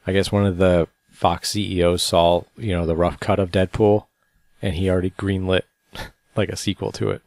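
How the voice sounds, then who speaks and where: A man co-hosting a podcast, chatting casually and reading out news with a relaxed, rambling manner and a tired edge. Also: low-pitched, normal speed, no room sound. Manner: relaxed, rambling, many fillers. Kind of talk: casual chat.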